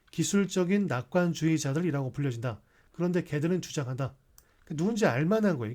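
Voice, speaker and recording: A man's voice: on the high side, a little mellow. A male English teacher explaining sentences in a recorded class, reading English lines aloud between explanations and often checking with rhetorical questions.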